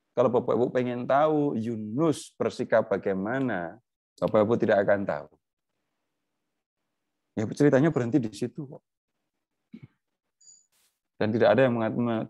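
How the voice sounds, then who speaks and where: A man's voice: mid-range voice, warm tone, dry recording. Chatty man teaching a Bible lesson. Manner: chatty, rhetorical questions, chuckles. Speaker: Bible study speaker. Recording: dull, dry lo-fi recording.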